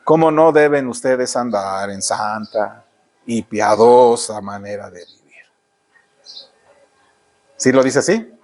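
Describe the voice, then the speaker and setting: A man's voice: mid-range voice, slow, long pauses, a little mellow. A man with a Mexican Spanish accent preaching a sermon in church, often asking the congregation rhetorical questions. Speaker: pastor.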